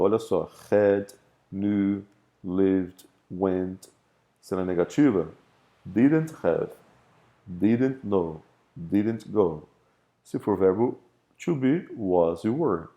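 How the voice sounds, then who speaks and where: Gravelly low-voiced Brazilian teacher. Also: male voice, dark tone. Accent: Brazilian Portuguese. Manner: explains in Portuguese, reads English examples slowly and clearly; ends points with a checking "tá?". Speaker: English teacher. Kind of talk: recorded grammar lesson.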